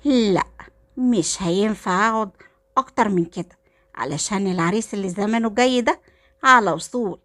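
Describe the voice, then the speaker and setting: A woman voicing a scheming young wife with an Egyptian accent, sharp and indignant. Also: medium pitch, normal speed, pauses often, close to an everyday voice. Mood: angry. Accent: Egyptian Arabic.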